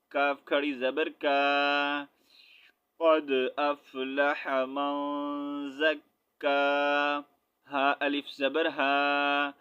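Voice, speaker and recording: A man teaching Quran recitation. He spells out letters slowly, chants the verses drawn-out, and explains quickly and patiently between them. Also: mid-range voice, bright, forceful tone, clean tone. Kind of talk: tajweed lesson, spelling and reciting. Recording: dull lo-fi recording.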